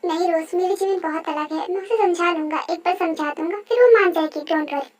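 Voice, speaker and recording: A woman's voice: very high voice, fairly even intonation, fast talker, faint music behind, voice pushed down. A young woman playing a guilt-torn husband. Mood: placating. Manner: hushed, apologetic, placating. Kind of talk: Hindi fan dub role-play.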